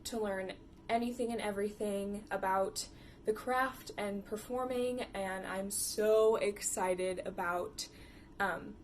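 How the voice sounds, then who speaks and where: Woman, 18, from Arizona; eager, chatty student intro, middle pitch. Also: a little hiss or hum. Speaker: theater student. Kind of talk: self-introduction.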